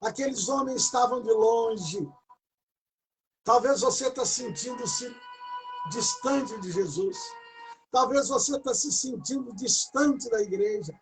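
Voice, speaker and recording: A man preaching at a prayer service, exhorting fervently with repetition, loud bursts and moments of speaking in tongues. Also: extremely high pitch, takes it slowly, soft background music, poor audio.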